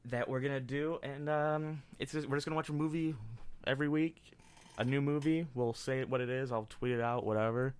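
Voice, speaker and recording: A man's voice: medium pitch, steady tone, brisk, clear, resonant tone, faint music behind. A man hosting a casual podcast, rambling with many restarts and reading out movie ratings. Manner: rambling, self-interrupting, reads out movie ratings. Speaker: podcast host.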